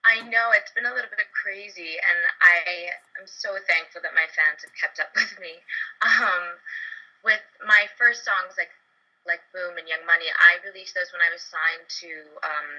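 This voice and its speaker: Bright-voiced young woman on a video call. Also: fairly low pitch, fairly even intonation, moderate pace, dull audio. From Barbados. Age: young adult. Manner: chatty, upbeat, many fillers. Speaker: singer interviewee. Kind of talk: casual interview over video call.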